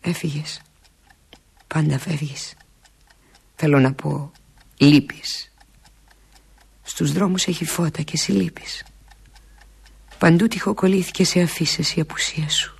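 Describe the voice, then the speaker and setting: A woman performing a theatrical monologue as a lovesick woman pleading with an absent lover, intimate and often slipping into breathy half-whispers. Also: deep voice, steady tone, pauses often, full character voice. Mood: wistful.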